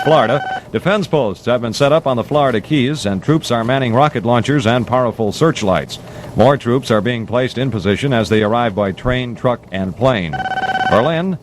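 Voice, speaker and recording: An American man with a medium-pitched voice reads a 1960s radio news bulletin in a formal, punchy headline style. It comes from an old AM aircheck recording with slight background noise.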